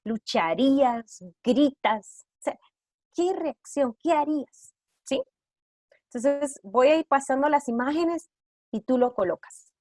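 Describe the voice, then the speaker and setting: Woman facilitator, slow deliberate delivery, slightly high voice, dry close sound, string of rhetorical questions. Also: animated, darkish tone, no echo. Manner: asks rapid rhetorical questions to the audience. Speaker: trauma-informed care workshop facilitator. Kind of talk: online workshop lesson. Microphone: video call.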